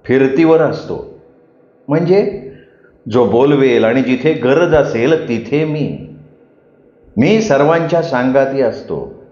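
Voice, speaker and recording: A kind, patient young wanderer, as a male narrator plays him, speaking low and soft at an unhurried pace. He reassures rather than argues. The sound is roomy and dull. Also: animated. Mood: calm. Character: gentle young wandering man, calm and kind.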